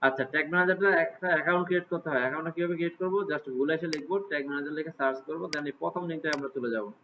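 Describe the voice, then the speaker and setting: Teacher with tinny lo-fi sound. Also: male voice, a little high, fairly even intonation, very fast. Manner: casual, asks students frequent check questions. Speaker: computer class teacher. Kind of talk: live class walkthrough. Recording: tinny phone-like audio with faint hiss.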